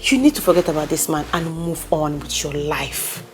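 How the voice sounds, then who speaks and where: Speaking with a Nigerian accent, a woman plays a pushy but caring friend, coaxing and pleading with emphasis as she consoles. Her deep voice is expressive and moves at a normal speed, with faint music in the background.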